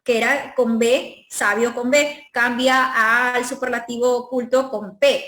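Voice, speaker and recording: A woman with a Peruvian Spanish accent teaching an exam review lesson. She explains step by step, drawing out the example words and checking in often with quick tag questions. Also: a little high, fairly even intonation, a bit bright. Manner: stretches out and stresses example words. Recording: echoey room.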